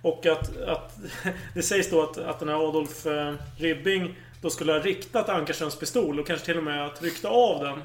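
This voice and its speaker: A man's voice: fairly high pitch, hardly any pauses. A man co-hosting a casual history chat, asking questions and adding quips. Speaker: podcast co-host. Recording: roomy with faint noise.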